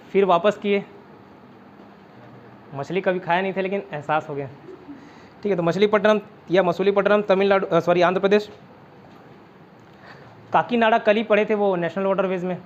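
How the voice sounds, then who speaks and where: A high-pitched man with a Chhattisgarh Hindi accent teaches an online exam-prep class. He is chatty and keeps quizzing his students with memory tricks. The recording is dull and lo-fi, with a faint hiss behind him. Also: steady tone, moderate pace, long pauses. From India. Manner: chatty, repeats "theek hai", quizzes students with mnemonics.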